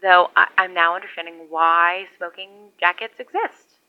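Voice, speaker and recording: An actress playing a lone, wry survivor rambling into a CB radio years after the collapse. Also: female voice, fairly low pitch, fairly even intonation, normal speed, clear, resonant tone. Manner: rambling, wry, conversational monologue. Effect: over a CB radio. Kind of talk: audio drama radio log. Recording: muffled lo-fi radio sound.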